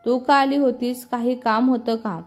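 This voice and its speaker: A quiet young male boss, voiced by a woman storyteller speaks in a mild, even way, somewhat high for a man. Soft music sits faintly underneath. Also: normal speed, lightly acted. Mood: calm. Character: young man, office boss, smitten and calm.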